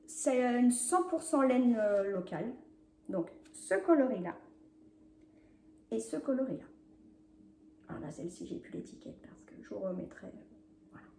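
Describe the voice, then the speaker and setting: A woman with a fairly high voice chats about her knitting, full of hesitations and quick bursts. She is recorded in an echoey room at home on a camera mic. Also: warm tone, a little hiss or hum. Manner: chatty, hesitant with many fillers, laughs often; speeds up at times, apologizes for talking fast. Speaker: knitting podcast host. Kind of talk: casual knitting vlog chat.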